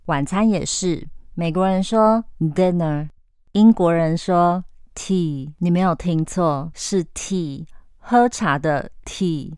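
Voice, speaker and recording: A woman teaching English phrases in a scripted lesson, slowly modelling each word and phrase for the listener. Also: lowish voice, darkish tone, clean tone, no echo, studio quality.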